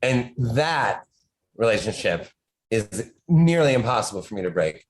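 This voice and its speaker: A man's voice: lowish voice, very animated, a little slow, a little hiss or hum, rough recording. A man who writes horror, a podcast guest talking in casual chat, rambling and restarting his sentences often.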